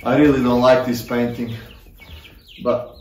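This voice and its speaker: A homesteading vlogger in his thirties talks casually to camera while working in a stone workshop shed, self-deprecating and full of fillers, filming on a handheld phone at arm's length. His voice is medium-pitched, level and unhurried; the shed echoes with faint background noise.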